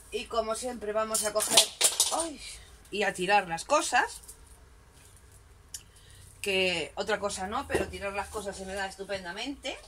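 A chatty woman talks casually at her craft desk. Her voice is very bright and sharp, and her manner is self-mocking. The overhead camera picks up a faint hiss in the background. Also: mid-range voice. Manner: chatty, self-mocking, frequent "¿vale?" check-ins. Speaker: crafting vlogger. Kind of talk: casual shopping haul chat. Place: home craft desk, indoors.

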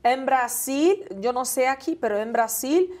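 A young woman with a Brazilian Portuguese accent answers interview questions in a fairly high voice. Portuguese is her first language, and she feels her way toward each word, now and then asking for one. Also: lively intonation, unhurried, darkish tone. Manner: searches for words, asks for help with them. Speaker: singer, interview guest.

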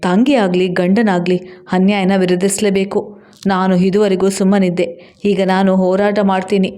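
A woman voicing a quiet but firm older mother-in-law who speaks steadily in a storybook reading. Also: mid-range voice, flat delivery, normal speed, close to an everyday voice.

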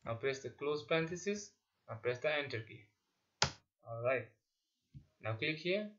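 Slow-paced man dictating tutorial steps. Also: medium pitch, expressive, fairly bright tone. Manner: dictating instructions in short, halting phrases. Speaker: spreadsheet tutorial instructor. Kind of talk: step-by-step software tutorial narration. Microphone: voice-over on a screen recording. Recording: dull, lo-fi sound with clicking.

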